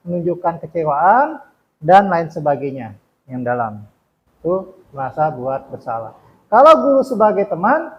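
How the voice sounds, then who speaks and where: A man's voice: high voice, low-quality recording. A man talking fellow teachers through a lesson in an informal, explanatory way, repeating points with fillers and self-corrections.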